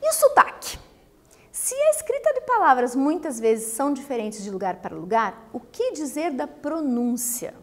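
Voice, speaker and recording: A woman's voice: high voice, normal speed. A woman from Brazil, an English teacher, giving a recorded lesson and putting questions to her students. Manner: lively, asks the students questions.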